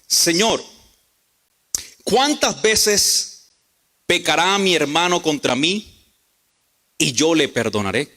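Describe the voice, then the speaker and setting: An earnest disciple asks a question in slow, drawn-out words, as a preacher acts him out. His voice is high and bright and rises and falls widely. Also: animated, full character voice. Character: earnest man, Peter the apostle, questioning.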